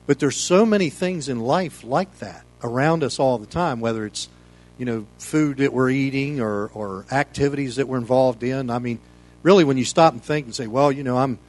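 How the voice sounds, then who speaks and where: Leading a Bible study, this pastor, an American man of middle age or older, talks at a moderate pace in a mid-range, somewhat dark voice. The sermon is informal and folksy, wandering along conversationally and packed with "you know."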